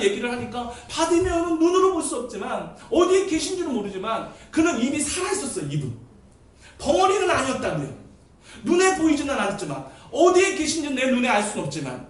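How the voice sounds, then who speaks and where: A man pastor preaching a sermon in a church, telling the story with animated delivery and sudden shouts. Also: extremely high pitch. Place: church sanctuary. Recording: echoey church hall, distant mic.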